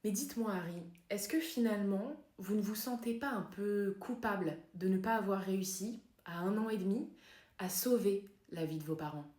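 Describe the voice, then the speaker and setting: A woman playing a deadpan soft-spoken therapist. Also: medium pitch, normal speed, reverberant, lightly acted. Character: calm, dry female psychotherapist, mildly sardonic. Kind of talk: comedy sketch.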